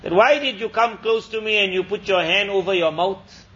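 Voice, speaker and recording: A preacher voicing a stern, quick-tempered king who gives orders and demands answers, in a slightly muffled recording. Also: high-pitched, sharp tone. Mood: commanding.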